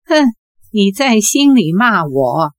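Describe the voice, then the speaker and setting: A woman's voice: medium pitch, very animated, takes it slowly, no echo. A woman voicing a cold, aloof, sheltered young woman of eighteen in an audiobook, with a cool, curt, dismissive manner. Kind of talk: audiobook character voice.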